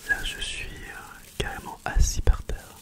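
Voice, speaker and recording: Casual ASMR chat comes from a host sitting on their home floor. The delivery is an unvoiced, breathy whisper, with words and phrases repeated at a slow pace.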